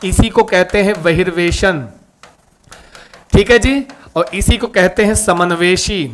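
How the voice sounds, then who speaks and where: A man leads a live online lesson in a fairly high voice. He coaxes his students along, repeats the key terms again and again, and keeps pressing them to give an answer. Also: takes it slowly, noisy background. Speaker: online teacher for an exam-prep class.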